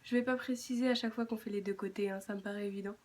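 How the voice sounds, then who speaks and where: A woman's voice: mid-range voice, fairly even intonation, very fast, a little mellow, faint music behind. A woman with a French accent chatting casually through a makeup tutorial, with self-mocking asides. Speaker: beauty vlogger.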